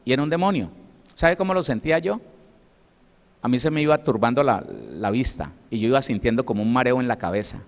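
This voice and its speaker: A man's voice: mid-range voice, fairly quick. A Colombian man, a pastor, preaching a sermon with emphatic delivery and acted-out quotes, in a Colombian Spanish accent. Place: church hall. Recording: long hall reverb.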